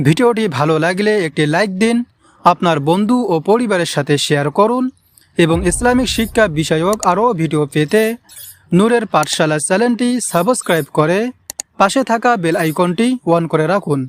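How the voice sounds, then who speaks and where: Here the male voice sits high, with lively intonation and normal speed. A Quran recitation teacher leads a slow pronunciation lesson on an Arabic prayer, repeating each word patiently and lengthening the long vowels for learners.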